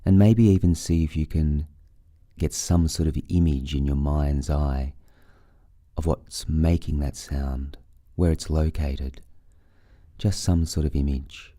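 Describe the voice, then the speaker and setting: A man leading a guided breathing meditation, giving soothing, unhurried instructions with long pauses between phrases. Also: very deep voice, fairly even intonation, warm tone, no echo, studio quality.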